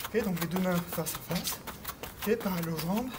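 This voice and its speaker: A fitness coach with a high voice leads a cardio workout at a moderate pace while doing it himself. He hesitates with lots of fillers, counts beats out loud, pushes for more speed and sounds slightly out of breath. The recording is noisy, with clicks.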